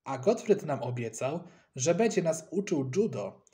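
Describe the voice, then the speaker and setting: A man reading a children's story aloud with lively, expressive narration. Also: on the high side, measured pace.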